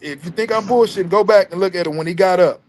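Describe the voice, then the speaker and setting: A man's voice: high-pitched, fast, crowd noise. A man in a heated casual debate, cutting in again and again with "but look" and "hear me out". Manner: interjecting, repeats "but look" to cut in. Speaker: podcast debater.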